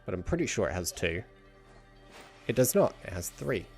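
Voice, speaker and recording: Low-voiced man thinking aloud. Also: sing-song, normal speed, gravelly, a little mellow, soft background music. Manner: thinking aloud, muttering to himself. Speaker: streamer. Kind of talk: casual gameplay commentary.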